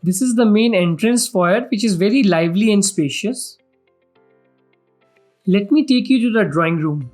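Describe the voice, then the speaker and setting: A man's voice: high-pitched, animated, moderate pace, long pauses, a little mellow. A man with an Indian accent giving a formal, scripted property tour as a vlog host, in a salesman-like way. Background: background music.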